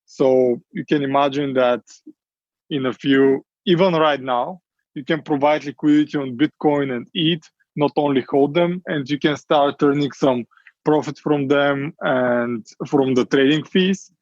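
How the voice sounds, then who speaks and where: A man answering interview questions in quick bursts, with many fillers along the way. His voice sounds dry and close, with no room around it. The audio is a little dull and muffled, as on a remote call. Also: on the high side, steady tone, dry recording. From Bulgaria. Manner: quick, eager explanations with frequent fillers. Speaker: startup CEO guest.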